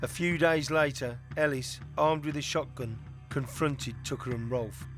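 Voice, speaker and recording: A man giving scripted, measured true-crime documentary narration. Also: mid-range voice, fairly bright tone, faint music behind.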